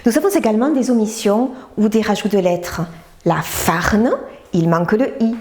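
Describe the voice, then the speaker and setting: Woman teacher, clear and deliberate. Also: medium pitch, animated, dark tone, roomy sound. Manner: clear, deliberate, syllable-by-syllable demonstrations. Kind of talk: scripted instructional narration.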